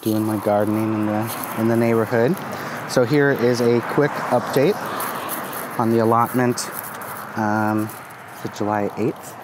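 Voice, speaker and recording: A man in his thirties giving a relaxed, casual tour of his garden while filming outdoors on a phone held at arm's length, with plenty of ums and uhs. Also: on the low side, unhurried, long pauses. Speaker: gardening vlogger. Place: outdoors in a sunny community garden. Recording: outdoor phone recording with traffic noise. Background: passing traffic and outdoor ambience.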